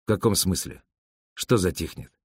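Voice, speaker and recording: A man playing a brash former prince whose voice drops low and gruff. He talks with mocking ease and a hard, commanding edge. The audiobook sound is dry and close. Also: normal speed, dry recording.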